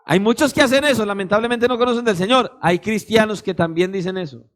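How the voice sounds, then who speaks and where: Emphatic high-voiced pastor preaching. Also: male voice, a little fast. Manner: emphatic, addresses listeners directly, acts out little dialogues. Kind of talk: sermon.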